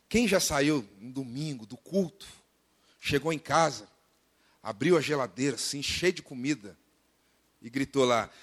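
A Brazilian man in his thirties preaching a lively sermon, mimicking complainers along the way. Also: mid-range voice. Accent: Brazilian Portuguese. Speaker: pastor.

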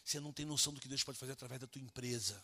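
A Brazilian man preaching an evangelical sermon as a pastor, swinging from soft, hushed lines to loud, impassioned ones. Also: mid-range voice, steady tone, very fast, slightly rough. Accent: Brazilian Portuguese.

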